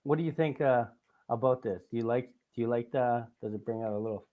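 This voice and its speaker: A man hosting a casual comedy podcast over a call, with a voice in the ordinary middle range. He teases his guest with crude, loud jokes and keeps breaking into laughter. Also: medium pitch, quick pace, narrow, tinny audio. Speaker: podcast host.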